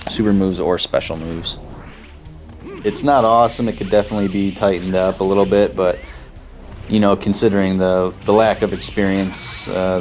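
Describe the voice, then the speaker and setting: A man casually presenting an old game he made, talking in a relaxed, rambling way with plenty of fillers and restarts. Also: deep voice. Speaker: game creator presenting his old project. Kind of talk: casual narrated walkthrough.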